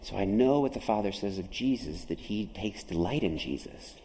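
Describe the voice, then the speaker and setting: A man's voice: on the low side, expressive, normal speed, warm tone, big-room sound, slight background noise, low-quality recording. A man preaching a sermon as pastor, emphatic, often asking his listeners questions. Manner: emphatic, asks the audience questions. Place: chapel.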